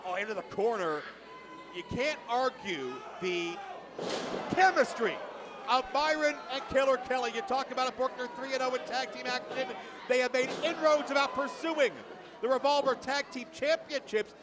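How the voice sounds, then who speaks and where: Very high-pitched male wrestling commentator. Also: normal speed, crowd noise. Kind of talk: live sports commentary.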